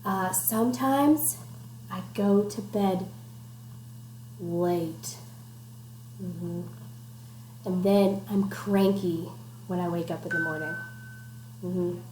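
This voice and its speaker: Reading an interactive picture book aloud to young children, a woman sounds playful and encouraging and asks them simple questions. Her voice sits on the low side with a darkish tone, moving slowly with long pauses. It was captured on a computer microphone, with a roomy echo and noticeable background noise.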